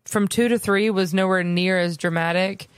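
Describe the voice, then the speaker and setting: A woman's voice: on the low side, moderate pace, clear, resonant tone, dry recording. A woman in her thirties co-hosting a casual podcast chat, telling stories bluntly and with energy. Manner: animated, blunt storytelling, frank. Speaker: podcast co-host.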